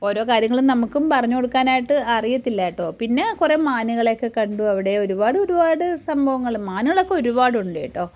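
A woman's voice: on the high side, lively intonation, fast, hardly any pauses, darkish tone. A woman narrating her family's outing in a casual, chatty voice-over, often checking in with her listeners. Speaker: vlogger and mother.

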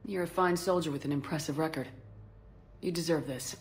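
Low-voiced, steady Commander Shepard. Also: female voice, a little hiss or hum. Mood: supportive, calm. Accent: North American. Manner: measured, concise, reassuring. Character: female military commander, steady, supportive, composed. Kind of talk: naturalistic game dialogue acting.

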